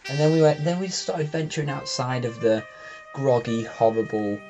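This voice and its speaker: An English man co-hosts a casual podcast, rambling through stories with a joking manner and frequent laughter. His voice is medium-pitched and darkish, at a moderate pace. Soft music plays in the background.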